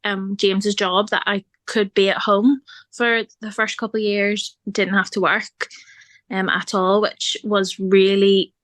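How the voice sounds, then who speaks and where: A woman's voice: medium pitch, little pitch movement, unhurried, a bit bright, no echo. A woman from Ireland, a podcast guest talking openly in a casual chat and laughing often. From Northern Ireland. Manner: chatty and open, laughs often.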